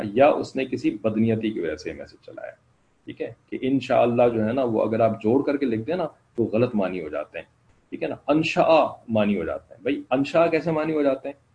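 A man teaching an online class, explaining slowly and checking in with his students again and again. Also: mid-range voice, gravelly, lo-fi sound. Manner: slow explanatory, keeps asking "ٹھیک ہے نا".

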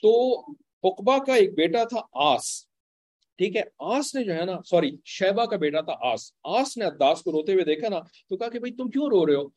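A man's voice: sits high, animated, a little slow, darkish tone, dry recording. A man telling a religious story in a conversational way, often checking in with his listeners and mixing in English words.

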